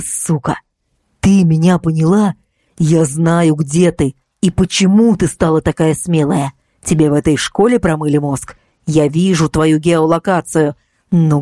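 A woman's voice: lowish voice, expressive, moderate pace, warm tone, dry recording, clean studio sound. A woman voicing a young man, a manipulative ex-boyfriend who pleads and then snarls threats in an audiobook. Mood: menacing.

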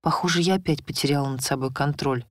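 A woman reads a first-person novel aloud in an expressive, steady storytelling voice. Her voice sits somewhat low. The recording is dry and close, with no room sound. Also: fast, no echo. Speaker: audiobook reader. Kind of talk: first-person audiobook narration.

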